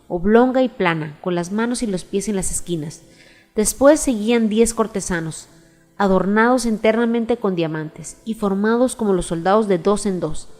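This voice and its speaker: A woman narrates a storybook in a measured, expressive way at an ordinary middle pitch. Faint music plays softly behind her reading. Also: big-room sound. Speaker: audiobook narrator.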